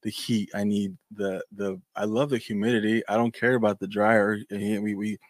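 Male podcast host, low voice, halting casual delivery, dry close recording. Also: flat delivery, no room sound. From Mexico. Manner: halting, many restarts and fillers. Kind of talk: casual interview talk.

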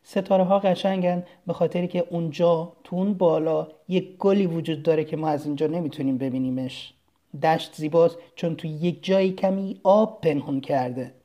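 A reader voicing a gentle little boy prince. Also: mid-range voice, natural voice. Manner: soft, earnest and kind. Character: gentle young boy prince from a tiny planet. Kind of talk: storybook reading.

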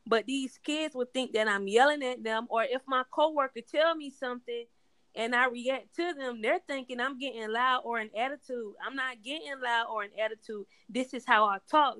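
Woman co-host, emphatic and loud, higher voice, dry close sound. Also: no room sound. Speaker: co-host, teacher. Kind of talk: casual podcast discussion.

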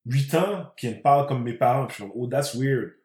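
Speaking in a medium-pitched, slightly mellow voice with lively intonation and a brisk pace, a man with a Quebec French accent chats casually and slips English words into his sentences. The room is echoey and roomy.

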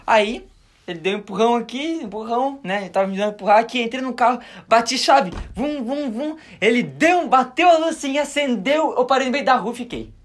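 Here a young man from Rio Grande do Sul tells a story as a podcast co-host, his southern Brazilian accent coming through. The banter is slangy and energetic, the voice very high, the pace fairly quick.

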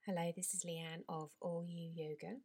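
Woman yoga teacher for guided relaxation; slightly low, breathy tone, very slow, soothing delivery with whispered lines. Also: level tone, darkish tone.

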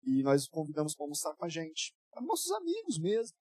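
A male pastor preaching a fervent sermon, moving between loud exhortation and quiet storytelling, in a dry room. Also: fairly high pitch, wildly swooping pitch, fairly quick, breathy edge, dry recording.

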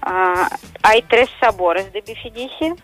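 A woman with a Russian accent explains conversationally in halting, non-native Spanish, often dropping small words. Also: mid-range voice, a bit bright, faint music behind, low-quality recording. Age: adult mother. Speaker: health product entrepreneur, interview guest.

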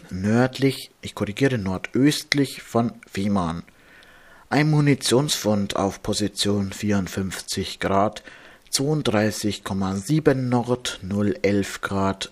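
A man reading a marine radio bulletin of nautical warnings as an announcer, in a formal, measured manner, carefully spelling things out. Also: on the low side.

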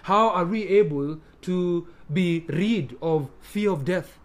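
Male pastor, slightly high voice; sermon delivery, scripture reading into emphatic preaching with hesitations. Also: takes it slowly. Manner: reads scripture aloud, then preaches with rising emphatic bursts; frequent hesitations and repeated words.

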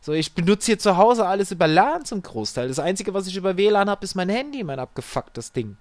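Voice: medium pitch, big pitch swings, brisk, darkish tone, no room sound. A tech support worker telling customer stories in a slangy, exasperated, chatty way. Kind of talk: casual storytelling.

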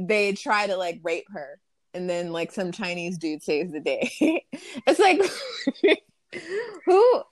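A woman's voice: medium pitch, dry recording. A woman talking frankly and bluntly in a casual conversation, swearing freely.

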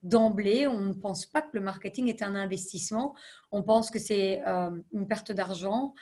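A woman's voice: mid-range voice, moderate pace, darkish tone. A woman in her thirties, a podcast guest, answering interview questions thoughtfully with frequent hesitations and English business terms. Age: 30s. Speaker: podcast guest, nonprofit CEO.

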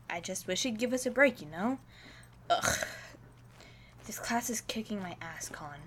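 A woman's voice: medium pitch, lively intonation, unhurried, a bit bright, slightly rough. A woman playing a stressed, overworked young college student, speaking conversationally in an audio drama. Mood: stressed, weary. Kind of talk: naturalistic audio drama acting.

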